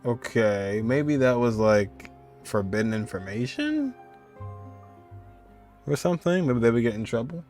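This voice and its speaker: A gaming streamer thinks aloud during a playthrough, casual and teasingly exasperated, with game music playing behind him. His medium-pitched, darkish voice has a sing-song lilt, and he keeps a measured pace with frequent pauses.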